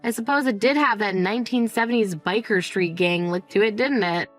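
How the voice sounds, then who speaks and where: A woman narrates a dramatized first-person story as a cold, sarcastic middle-aged mother, smug and unsympathetic in her dismissive telling. Her mid-range voice moves fairly quickly and is lightly acted, with faint music behind her.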